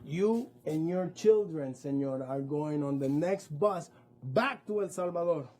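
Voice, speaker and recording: A man playing a menacing male official in a suit who speaks in slow, veiled threats. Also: on the high side, a little mellow, close to an everyday voice. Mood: stern.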